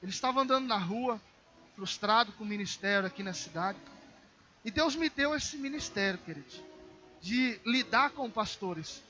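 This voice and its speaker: Man, pastor, Brazilian Portuguese accent, sermon, very high voice, dull lo-fi recording. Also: expressive, normal speed, bright, forceful tone, faint music behind. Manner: storytelling with acted dialogue, calls the congregation "queridos". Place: church service.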